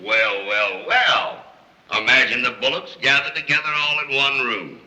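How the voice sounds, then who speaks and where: A man's voice: mid-range voice, expressive, a little slow, bright, forceful tone, low-quality recording. An actor playing a blustering, sardonic middle-aged wealthy father, exasperated with his family, in 1930s screwball comedy banter. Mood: dry sarcasm.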